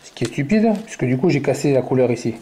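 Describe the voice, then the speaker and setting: A man's voice: mid-range voice, expressive, fast talker, background noise. A man giving a step-by-step puzzle tutorial, muttering the colors and moves aloud as he works.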